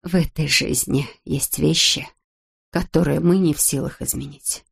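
A gentle, gravely ill wife speaks slowly and softly, pausing for breath, as a woman reading aloud puts her on. Her voice sits low and quiet, and every phrase sounds weak. She comes from a read-aloud story. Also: exaggerated voice. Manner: soft, breathy, slow.

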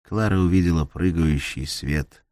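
A man narrating a suspense audiobook in a measured way, slowing down in tense moments. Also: low voice, a little mellow, no room sound, studio quality. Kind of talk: scripted narration.

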